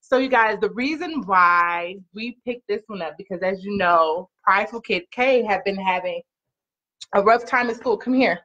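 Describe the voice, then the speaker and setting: Recorded on a webcam from her living room couch, a woman in her thirties hosts story time for kids, reading and chatting as a mom would. Her mid-range voice stays lively and supportive, drawing out phrases and inviting children to repeat after her, though the home audio is a little muffled.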